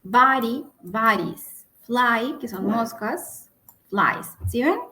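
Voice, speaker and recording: A woman teacher with a fairly high voice leads an online grammar lesson. She speaks slowly and deliberately, laying out each step and checking in often with her students. The sound is a plain computer mic on a video call. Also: animated, bright, forceful tone. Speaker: English teacher.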